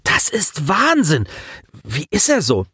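A man voicing an excitable young man stranded on an alien world, asking eager, keyed-up questions. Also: a little high, slow, breathy edge, dry recording, studio quality, voice pushed up, heavily acted. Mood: excited.

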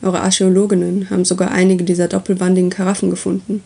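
A woman voicing a patient, wry male god who calmly explains and lectures in a story reading. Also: fairly low pitch, vocal fry, breathy edge. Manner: calm, unhurried, explaining.

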